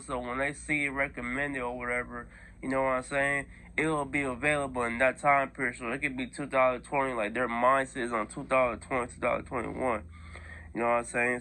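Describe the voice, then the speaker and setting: A man's voice: mid-range voice, sharp tone, slight background noise. An American man hosting an online video, rambling casually through his opinions in heavy slang and often checking that listeners follow him. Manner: slangy, repeatedly seeking agreement with listeners.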